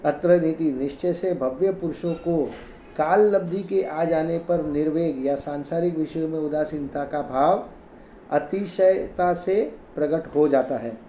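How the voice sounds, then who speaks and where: A man slowly chanting Sanskrit verses, then explaining them plainly in conversational Hindi as a scripture teacher. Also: fairly high pitch, warm tone. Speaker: Jain scripture reader and teacher. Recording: echoey room with faint ambient noise.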